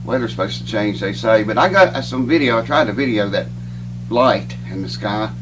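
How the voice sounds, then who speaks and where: A man's voice: fairly low pitch, lively intonation, fairly quick, over music. A middle-aged man chatting casually to his viewers, folksy and rambling and out of breath. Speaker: vlogger. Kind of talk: casual chat to camera. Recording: distant mic with clear hum.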